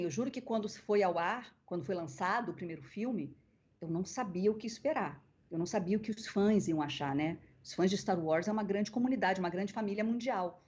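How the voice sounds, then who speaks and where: A woman with a Brazilian accent, a guest voice actress on a podcast, telling stories in an animated way. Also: medium pitch, normal speed, breathy edge. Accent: Brazilian Portuguese. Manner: animated storyteller, acting out quoted voices. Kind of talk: casual interview storytelling. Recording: dull lo-fi podcast audio.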